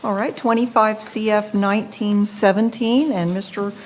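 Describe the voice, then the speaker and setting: A woman presiding as judge, calling cases and ruling in a brisk, procedural manner, heard in a courtroom recording. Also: medium pitch, fairly even intonation, a little mellow, a little hiss or hum.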